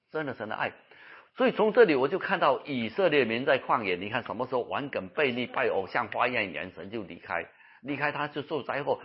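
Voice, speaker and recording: Male preacher, husky, lively sermon delivery that repeats phrases, lo-fi sound. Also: mid-range voice. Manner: animated storytelling, repeating phrases. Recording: dull lo-fi recording.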